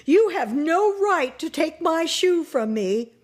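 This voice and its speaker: Earnest little girl, high and bright, speaks up plainly, voiced by a woman narrator. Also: wildly swooping pitch, takes it slowly, heavily acted. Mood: angry.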